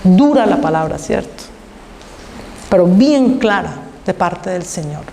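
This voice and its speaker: A woman pastor preaching a sermon, reading scripture slowly and asking the congregation rhetorical questions. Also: fairly low pitch, expressive, gravelly, warm tone, a little hiss or hum. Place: church hall. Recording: echoey church hall with long reverb.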